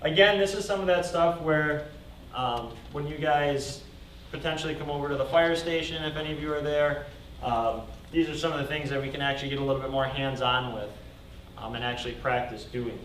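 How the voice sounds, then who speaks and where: A man's voice: on the high side, a little fast, a bit bright. A man instructing a first-aid class as a firefighter, explaining informally as he demonstrates hands-on. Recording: echoey room, distant mic, faint noise.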